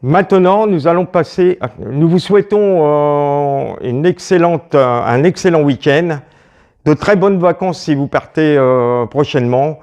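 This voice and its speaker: A man presenting a local community news bulletin, halting and hesitant, with many pauses and fillers. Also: fairly high pitch, a little mellow, lo-fi sound.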